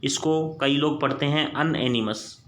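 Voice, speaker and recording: A man's voice: mid-range voice, steady tone, moderate pace, a bit bright, a little hiss or hum. A man teaching English root words, repeating each point as a question he then answers himself. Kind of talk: Hindi screen-recorded lesson. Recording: echoey room.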